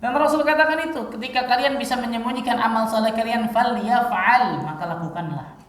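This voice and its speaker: A man preaching a sermon in a lively teaching manner, full of rhetorical questions and casual asides. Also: very high-pitched, a little fast. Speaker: Islamic preacher. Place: mosque. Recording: echoey hall, mic far off.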